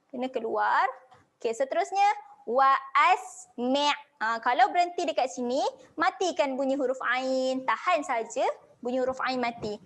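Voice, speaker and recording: A high-pitched Malaysian woman leads an online recitation lesson over a video call. She explains each letter patiently, one step at a time. Between explanations she chants slow, stretched-out model readings for her students. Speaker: Quran recitation teacher. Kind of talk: online tajwid class.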